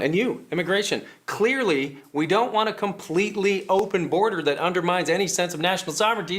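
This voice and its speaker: A man's voice: sits high, a bit bright. Sarcastic man in a comedy sketch. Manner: sarcastic, mock-earnest, breaks into laughter. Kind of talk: satirical sketch acting.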